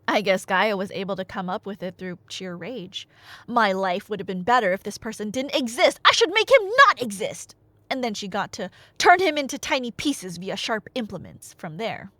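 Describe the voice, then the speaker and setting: In this roleplay clip the woman's medium-pitched voice sounds pushed and bright, and the recording is dry. Playing a chatty nerdy girlfriend, she excitedly works through Greek myths, keeping it casual and slipping in playful asides to an unheard listener.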